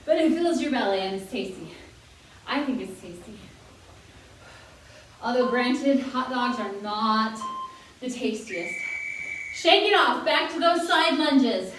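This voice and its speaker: A woman leading a senior fitness class, chatting and laughing as she counts out the moves. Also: high-pitched. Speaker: fitness instructor. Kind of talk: guiding a senior exercise class. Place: fitness room. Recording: very echoey room, mic far off, faint noise.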